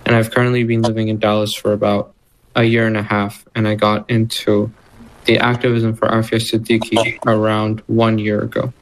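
A man's voice: on the low side, moderate pace, slight background noise, rough recording. A young man in his twenties from Texas, answering interview questions casually as an activist. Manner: casual, relaxed, with like fillers.

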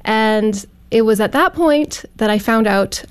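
A woman from Canada, a teacher and author, telling her story in a chatty, animated way. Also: a little high, a little slow, clean tone. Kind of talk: interview storytelling.

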